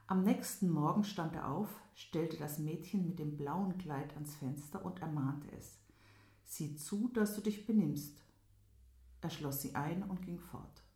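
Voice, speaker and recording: A woman reading a fairy tale aloud as storyteller in an even, steady way. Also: sits low, a little slow, hardly any pauses. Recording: roomy echo.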